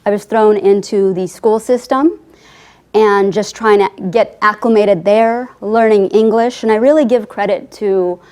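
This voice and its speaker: In a mid-range, darkish voice with fairly even intonation, an author in her forties recounts her life story in an interview at a measured pace. Born in Afghanistan and raised speaking Farsi first, she is earnest and heartfelt and often says "I mean".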